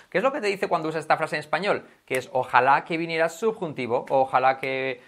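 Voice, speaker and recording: A man's voice: on the high side, fairly bright tone. A man who hosts a bilingual English lesson, switching between Spanish and English, drilling sounds and example sentences. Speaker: English teacher.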